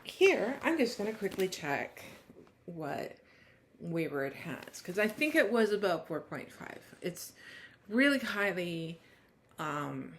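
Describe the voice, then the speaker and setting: A woman's voice: lowish voice, very animated, slow pace, a little hiss or hum. A woman reviewing a book, reading its blurb aloud and then chatting loosely with many restarts. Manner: rambling, many restarts and trailing thoughts. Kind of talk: casual book review chat.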